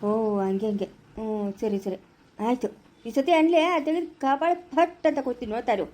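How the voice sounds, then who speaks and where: A woman's voice: on the high side, lively intonation, moderate pace, warm tone. A woman voicing a middle-aged male village farmer and easygoing husband, with a rural Chikkaballapura Kannada accent and a meek, mumbling way of agreeing. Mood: meekly agreeing. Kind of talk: village family skit acting.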